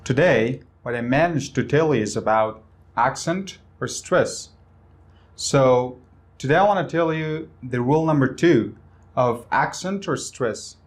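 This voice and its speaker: A man with an Afghan accent teaching an English lesson, speaking slowly and deliberately in English and quicker in his own language, stressing syllables emphatically. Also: medium pitch, animated.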